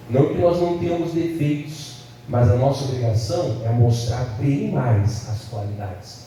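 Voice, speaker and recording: A man's voice: mid-range voice, dark tone. A man preaching a sermon as pastor, often asking the congregation "amém?" and "né?". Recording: very echoey hall, distant mic, faint room noise.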